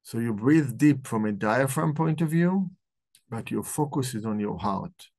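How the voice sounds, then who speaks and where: A man hosting a live book club, talking about the book and then slowly leading a guided meditation in a soft, calm voice. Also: medium pitch. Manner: slow, soft-spoken guiding voice. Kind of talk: live talk.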